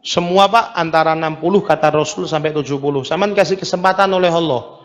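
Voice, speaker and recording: A man with a Javanese accent preaching a sermon in an animated storytelling manner, acting out other voices. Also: a little high, quick pace, big-room sound. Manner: animated storytelling, mimics voices, mixes in local words.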